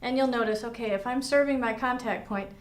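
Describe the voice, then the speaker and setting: A woman's voice: on the high side, a little fast. A woman teaching viola technique to students in a studio, explaining with vivid images and encouraging tone. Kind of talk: instructional lesson with demonstration. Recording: echoey room.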